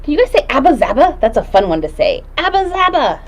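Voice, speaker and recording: Singsong, high-voiced woman hosting children's story time. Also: very animated, a little mellow, husky. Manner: singsong, playful, exaggerated delivery like a children's puppet show host; drawn-out words and audible gasps of wonder. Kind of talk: reading picture books aloud to young children.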